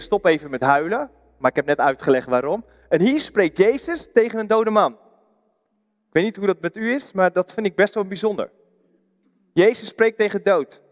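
A man's voice: high-pitched, in a large hall. A Dutch man preaching a sermon in a church, earnest, asking his listeners questions and answering them himself. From Netherlands.

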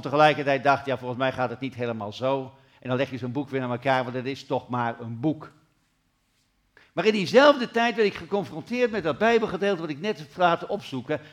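Lively storytelling preacher, man. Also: sits high. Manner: retells scripture in a lively storytelling way, with sudden loud bursts. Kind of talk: sermon.

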